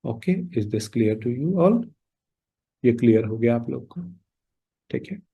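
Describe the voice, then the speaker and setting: A man teaching an online class. He explains step by step, checks in with "okay" often, slips into English phrases, and chants mantras slowly to show their pronunciation. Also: mid-range voice, animated, gravelly, breathy edge, dull audio. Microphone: writes on a board while talking.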